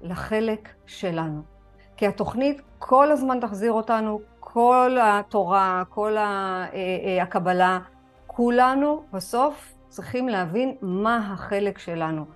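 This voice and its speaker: A woman's voice: mid-range voice, lively intonation, faint music behind. A woman with an Israeli accent leading an online recovery group, telling a personal story with feeling and acting out her own prayers and conversations. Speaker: spiritual recovery group facilitator. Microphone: video call.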